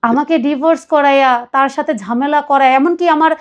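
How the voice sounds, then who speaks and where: Woman, high voice, earnest, pleading tone, personal confession. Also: moderate pace. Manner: earnest, pleading, quotes others at length. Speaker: guest telling her life story.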